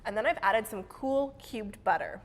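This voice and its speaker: A woman's voice: medium pitch, expressive, moderate pace. A woman demonstrating a recipe on a cooking show, upbeat and explanatory, laughing easily. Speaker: dairy expert demonstrating recipes.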